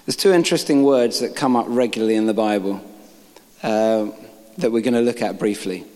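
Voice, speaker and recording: A man's voice: on the low side, fairly quick, darkish tone. A man giving an informal sermon, reading scripture aloud and making joking asides to the congregation. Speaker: preacher. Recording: long reverb of a large hall.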